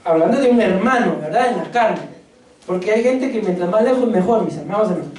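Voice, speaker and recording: A woman's voice: medium pitch, lively intonation, brisk, a little mellow, slight background noise. A woman preaching a church sermon, quizzing the congregation and joking between points. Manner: asks the congregation questions, jokes between points. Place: church hall. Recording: very echoey church hall, mic far off.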